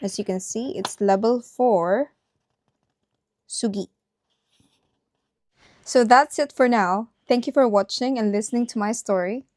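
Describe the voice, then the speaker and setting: A woman's voice: a little high, measured pace, pauses often, a little mellow, no room sound. A woman vlogger narrating a personal story directly to her viewers.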